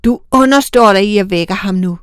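A woman's voice: medium pitch, clear, resonant tone, no echo, studio quality, lightly acted. A woman voicing a senior female angel who is stern, irritable and bossy, speaking sharply and curtly. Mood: scolding. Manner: sharp, commanding, clipped.

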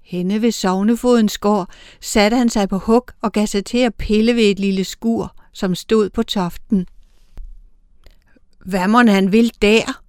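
A woman narrating a storybook tale in a measured, expressive way. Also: medium pitch, clean tone, no echo, studio quality. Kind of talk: storybook reading.

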